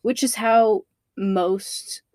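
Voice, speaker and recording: A woman's voice: mid-range voice, steady tone, very slow, a little mellow, no echo. A woman co-hosting a podcast, chiming in with blunt, offhand comments and asides. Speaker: podcast co-host. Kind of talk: casual chat, reacting and commenting.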